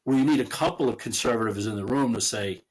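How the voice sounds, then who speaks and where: Husky-voiced man, chatty author guest. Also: mid-range voice, fast. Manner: chatty, laughs often, trails off and restarts. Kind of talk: casual conversational interview.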